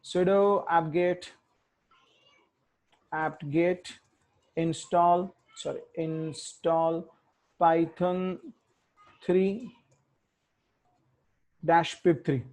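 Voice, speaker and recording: Pausing often and speaking extremely slowly, a man teaches a live coding tutorial, thinking aloud and correcting himself as he mutters over typed commands. His voice is fairly high and darkish, with little pitch movement.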